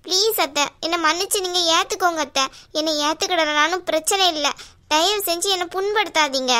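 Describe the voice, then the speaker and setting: Patient young wife in a cartoon, voiced by a woman, earnest, high and bright. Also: brisk. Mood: pleading. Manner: earnest, pleading. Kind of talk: cartoon voice acting.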